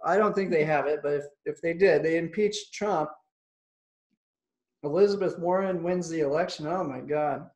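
A man's voice: on the high side, normal speed, darkish tone. Hesitant man hosting a trading chat. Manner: hesitant, with frequent fillers and restarts. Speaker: host of a trading webinar. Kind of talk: casual conversational chat.

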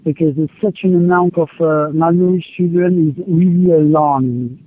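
A man working as an aid field coordinator, answering interview questions over a distorted satellite phone line, hesitant with many pauses and filler sounds. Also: a little high, steady tone, no room sound.

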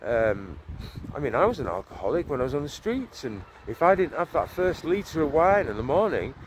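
A man's voice: on the high side, very animated, brisk. A man in his forties preaching while he walks outdoors, talking earnestly into a phone at arm's length, rambling with restarts. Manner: earnest, rambling, with many restarts and "you know". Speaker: street preacher. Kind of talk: walk-and-talk preaching vlog. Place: outdoors on a leafy town street and park. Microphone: phone camera held at arm's length. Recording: faint street noise and passing cars.

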